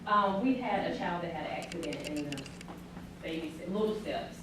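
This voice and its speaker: Low-voiced woman in an echoey room. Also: normal speed, noisy background. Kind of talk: shared story in a training. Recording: echoey room, mic far off.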